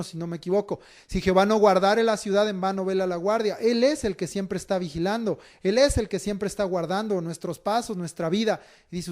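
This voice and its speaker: A man with a high-pitched voice leads a church Bible study class. He reads passages of scripture aloud and then unpacks them in plain, conversational words. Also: darkish tone. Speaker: Bible teacher. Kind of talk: sermon-style Bible lesson.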